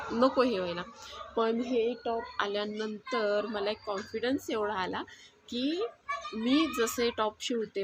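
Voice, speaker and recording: A woman vlogging casually at home, rambling with fillers and self-corrections. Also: medium pitch. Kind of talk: casual home vlog chat. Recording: noisy home recording.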